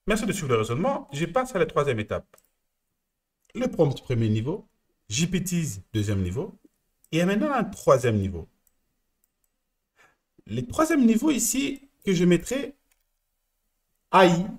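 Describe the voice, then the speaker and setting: Lively French coach at a whiteboard. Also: male voice, fairly high pitch, unhurried, pauses often. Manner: animated, talks to one listener as "tu", many restarts. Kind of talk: explaining at a whiteboard.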